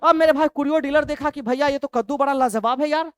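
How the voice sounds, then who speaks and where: Woman, teacher retelling a story, repeats and quizzes students, high pitch, dry close sound. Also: fast talker, dry recording. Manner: repetitive, asks the class questions. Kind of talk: storytelling exam lesson.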